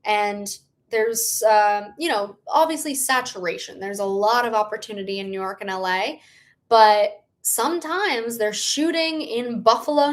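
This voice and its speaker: A young adult woman hosting a casual livestream, answering viewer questions in a bubbly, chatty manner. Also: on the high side. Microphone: live stream setup.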